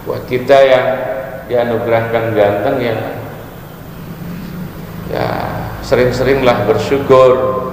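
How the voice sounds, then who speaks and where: A religious teacher gives a casual study lecture in a medium-pitched, level voice, speaking slowly and pausing often. He jokes and asks his listeners questions, and the echoey hall has faint ambience plus a noisy background.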